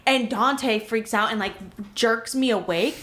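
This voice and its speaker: Young woman from miami rambling a wild story on a podcast, lots of "like", a bit high-pitched. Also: measured pace, a bit bright. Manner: rambling, many "like" fillers, swearing. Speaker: podcast co-host. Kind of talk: casual storytelling.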